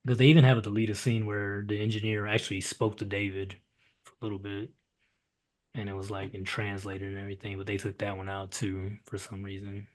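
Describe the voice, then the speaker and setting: Low-voiced man in casual, profane movie chat. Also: flat delivery, a little fast. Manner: loose and profane, trails off into quiet asides. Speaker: movie reviewer.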